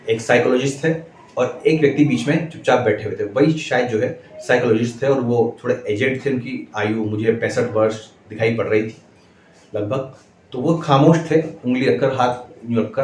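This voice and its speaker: A male schoolteacher telling viewers a story in a measured, deliberate way, with steady pauses, addressing them as friends. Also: mid-range voice, reverberant, slight background noise. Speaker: schoolteacher and channel host.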